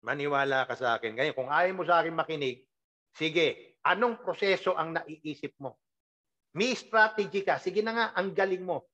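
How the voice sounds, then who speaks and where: A network marketing team leader giving an animated, emphatic motivational training talk, full of rhetorical questions and laughing while teasing the team. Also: mid-range voice, normal speed, muffled recording.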